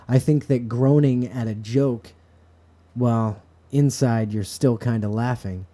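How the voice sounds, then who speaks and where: A man's voice: mid-range voice, warm tone. A man speaking to camera in a bedroom, giving an earnest, reflective, philosophical monologue. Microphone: camera set up in front of him.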